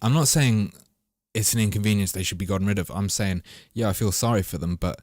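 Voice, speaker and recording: A man's voice: deep voice, fairly even intonation, fast, darkish tone, no echo, clean studio sound. A man chatting casually and wryly over his gameplay footage, rambling and swearing as he goes. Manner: rambling, wry and profane. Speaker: gaming commentator.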